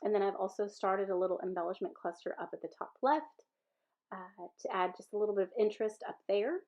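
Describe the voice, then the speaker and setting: A woman's voice: medium pitch, fairly quick, darkish tone. A woman with a Southern American accent and a stuffy nose, chatting casually through a craft voice-over and rambling with fillers and self-corrections. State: stuffy-nosed from a sinus infection. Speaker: scrapbooking video creator.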